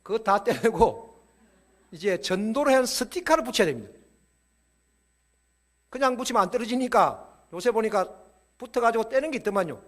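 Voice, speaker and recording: A man giving a playful, animated sermon-style lecture to a church audience. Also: high-pitched, normal speed, long pauses.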